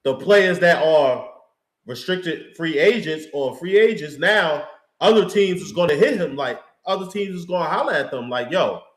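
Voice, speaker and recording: A man's voice: fairly high pitch, animated, moderate pace. A man co-hosting a live sports talk show, chatting in a laid-back, slangy way as a fan. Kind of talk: casual live sports chat. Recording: roomy echo.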